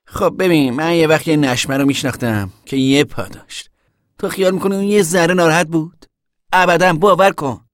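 A man's voice: fairly high pitch, no echo, clean studio sound, natural voice. A male narrator voicing a blunt, impatient young man who talks in a scolding, brusque way.

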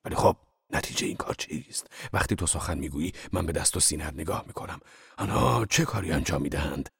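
A man voicing a fiery, blunt old male laborer in an audiobook reading, with a gravelly voice and loud, scornful outbursts. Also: extremely low pitch, expressive, no echo, studio quality, exaggerated voice. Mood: fierce.

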